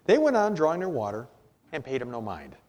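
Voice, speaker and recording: A man's voice: medium pitch, huge pitch swings, brisk, darkish tone. A male pastor preaching a sermon, telling a story and reading scripture aloud in old-fashioned wording.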